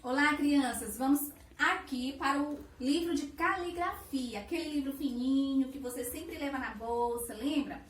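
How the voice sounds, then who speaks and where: A woman's voice: high-pitched, normal speed. A woman teacher with a Brazilian Portuguese accent giving a recorded lesson to young children, patient and sing-song, stretching out syllables. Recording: roomy echo, far from the mic, faint hiss.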